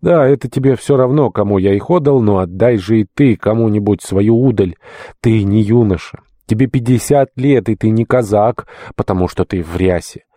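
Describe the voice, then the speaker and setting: A man voicing a stern older archpriest who admonishes in firm, measured speech. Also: low-pitched, warm tone, no echo, studio quality. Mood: admonishing. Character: stern elderly male archpriest, grave and admonishing. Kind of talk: audiobook character voice.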